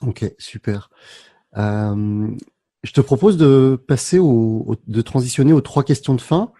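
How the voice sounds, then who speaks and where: A man's voice: medium pitch, measured pace, dark tone, dry recording. A man hosting a podcast who asks questions in a casual, friendly way and rephrases them as he goes. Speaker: podcast host, interviewer. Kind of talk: casual interview chat.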